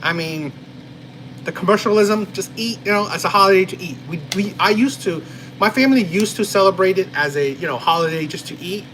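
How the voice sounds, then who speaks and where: A man's voice: sits high, brisk, fairly bright tone, slight background noise, low-quality recording. A man from New Jersey hosting a casual live stream and chatting with viewers, rambling with lots of "right?" and "you know". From New Jersey, USA. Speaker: live-stream host reading chat.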